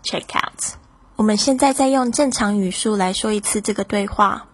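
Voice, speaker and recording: A woman teaching English, explaining phrases and repeating words slowly, with frequent fillers. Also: mid-range voice, very noisy. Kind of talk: language lesson explanation.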